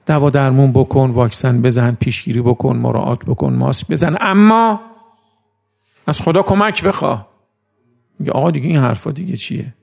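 A man giving a conversational sermon who recites Arabic sayings slowly and then explains them in everyday speech. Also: mid-range voice, gravelly, a little mellow, husky. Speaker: cleric giving a religious talk.

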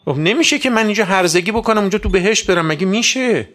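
A man preaching a sermon to a religious gathering, asking rhetorical questions and rising sharply in pitch and volume. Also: expressive. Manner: rhetorical questions, sudden loud rises in pitch.

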